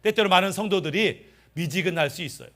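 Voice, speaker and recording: Bright-voiced man preaching a sermon. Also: high-pitched, quick pace. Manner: storytelling, rising to emphatic. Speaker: pastor.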